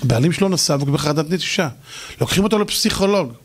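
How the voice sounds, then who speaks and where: A rabbi giving a humorous lecture, telling animated stories and acting out their dialogue. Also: male voice, fairly high pitch, slightly rough. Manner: animated storytelling with acted-out dialogue.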